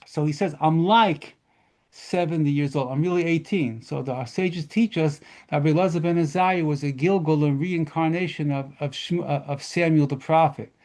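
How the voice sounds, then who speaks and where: Man, rabbi, storytelling lesson, lively, mellow tone, fairly high voice. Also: normal speed. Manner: lively storyteller, mixes in Hebrew terms. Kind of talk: storytelling lesson at a model seder.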